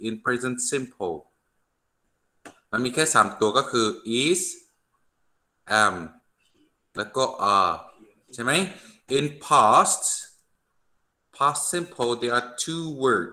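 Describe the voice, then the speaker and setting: A man gives an online English grammar lesson with a bright, forceful tone. He stretches out each English example slowly, then switches to brisk Thai explanations. He speaks into a computer microphone on a video call. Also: medium pitch, animated. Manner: slow, drawn-out English drills mixed with quick Thai explanations. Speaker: English teacher.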